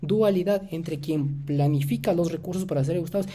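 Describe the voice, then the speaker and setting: Guy giving a talk, super dark mellow voice, slow careful delivery, keeps asking "right?". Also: a little high. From Ecuador. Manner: measured, poses rhetorical questions with tag "¿sí?". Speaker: doctoral student presenter. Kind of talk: prepared academic talk.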